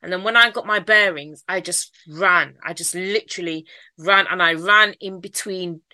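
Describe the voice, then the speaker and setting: Being interviewed, a Manchester woman with a Mancunian accent candidly recounts her life, repeating phrases as she goes and laughing occasionally. She speaks at a normal speed in a fairly low pitch, with a bright, forceful tone. The recording is dry.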